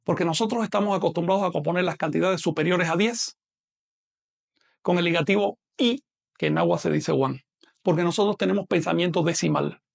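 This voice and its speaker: Gravelly man teaching a math lesson. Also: sits high, fairly quick. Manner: patient, explains step by step, asks questions and answers them. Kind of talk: live online lesson.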